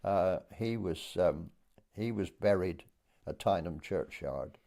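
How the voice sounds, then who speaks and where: An Englishman in his late 80s reminisces in conversation as an oral history interviewee. His low, creaky voice carries a warm tone, and his recollection is unhurried, hesitant, and full of pauses.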